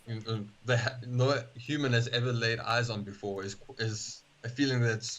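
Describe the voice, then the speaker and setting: A man chats eagerly as a guest on a game stream, often restarting mid-sentence in his excitement. His voice sits at a middle pitch, and he sounds like he is on a call mic. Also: dull audio. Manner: enthusiastic, halting with many restarts. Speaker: paleontologist guest. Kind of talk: casual chat on a game stream.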